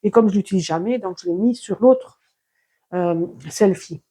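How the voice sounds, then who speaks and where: Casual home vlogger, mid-pitched, rambling and filler-heavy, recorded on a clip-on phone mic while moving around the house. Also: normal speed, mellow. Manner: rambling, chatty, with frequent fillers and restarts. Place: home, moving between office and sewing room. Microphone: clip-on lapel mic plugged into a phone.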